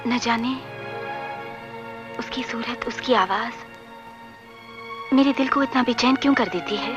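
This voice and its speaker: An actress playing a gentle young princess who talks in a soft, pleading way. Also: female voice, on the high side, muffled recording. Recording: film soundtrack with music behind.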